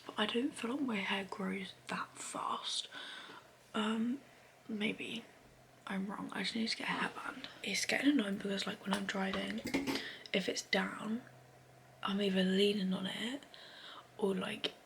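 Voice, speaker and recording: A young British woman whispers her way through a casual vlog, her hushed voice carrying a gravelly, fry-laden edge. She rambles in a friendly, chatty way, and a clear hiss of background noise sits under the recording. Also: medium pitch. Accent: British English. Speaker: vlogger. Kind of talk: whispered casual day-in-the-life chat. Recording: noisy home recording.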